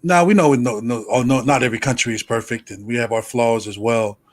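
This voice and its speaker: An interview host with a medium-pitched, brisk voice leads a conversational interview. He comes across affable and reflective, often checking in with "right?" as he makes his points.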